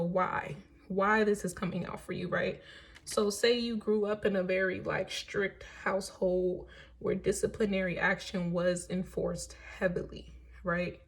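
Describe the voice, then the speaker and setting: A woman's voice: medium pitch, creaky. A woman giving a casual, emphatic tarot reading, encouraging and frank, checking in often with "right?" and "okay?" and swearing now and then. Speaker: tarot reader.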